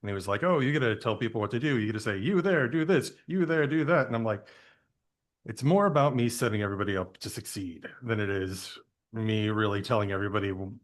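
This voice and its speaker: Low-voiced male podcast host, hesitant. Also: fast. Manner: hesitant, many fillers, easygoing. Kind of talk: casual interview.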